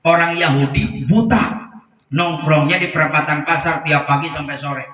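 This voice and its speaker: A male preacher, telling a story with jokes and acted voices in a lively sermon. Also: fairly high pitch, moderate pace, recorded from a distance. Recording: echoey phone-like sound from afar.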